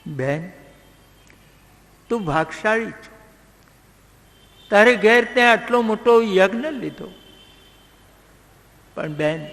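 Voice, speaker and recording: A man voicing the god Krishna, humble and softly pleading with his sister. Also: high-pitched, vocal fry, big-room sound, heavily acted.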